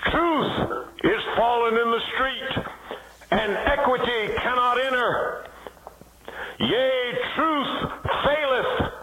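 A man preaches through a megaphone in a very high, strained voice. He declaims slowly and fervently, stretching out his phrases. The old recording rings with echo and carries loud background noise. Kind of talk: fire-and-brimstone sermon.

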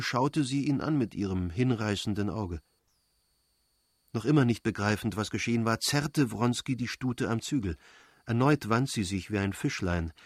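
A man narrates a novel in an audiobook, steady and measured, at a middling pitch. The sound is dry and close, with no room around the voice. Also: dry recording. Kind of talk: scripted narration.

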